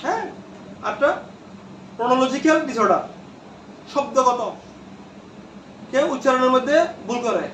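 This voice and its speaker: A man's voice: very high voice, normal speed, pauses often, a bit bright, a little hiss or hum. A male teacher lecturing a classroom, repeating terms and quizzing his students. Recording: echoey room from far off.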